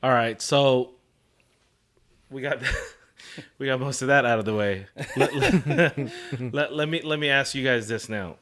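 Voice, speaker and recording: A man's voice: medium pitch, a little slow, a bit bright. A man in his thirties hosting a podcast, asking questions in casual chat, joking and laughing often. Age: 30s. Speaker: podcast host.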